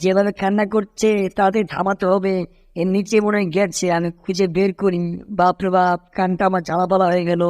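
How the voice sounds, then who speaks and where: A man's voice: high-pitched, flat delivery, brisk, a little mellow, dry recording, clean studio sound, lightly acted. A man voicing Tom, a clumsy panicky cartoon cat who frets and yelps. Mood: fretting. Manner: panicky exclamations, pleading.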